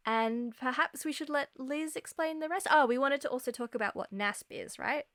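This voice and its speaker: A woman's voice: high voice, normal speed, a bit bright, dry recording, clean studio sound. A woman co-hosting a science podcast, steering the talk in a friendly casual way and introducing her guest. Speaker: podcast co-host.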